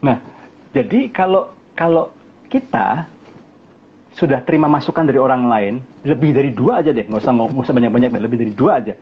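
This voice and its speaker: Man, guest speaker, animated storyteller who acts out quotes, lightly muffled live-stream sound. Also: medium pitch, a little fast, breathy edge. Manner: animated, acts out quoted people in raised voices, chuckles often. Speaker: guest speaker on family life. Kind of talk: casual talk on an Instagram Live.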